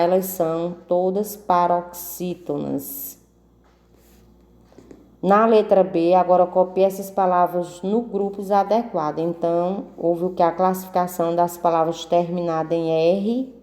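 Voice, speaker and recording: Woman teacher, slow and low-pitched, patiently correcting a worksheet, stretches words for emphasis. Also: mellow. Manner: patient, repeats and stretches words to mark stressed syllables.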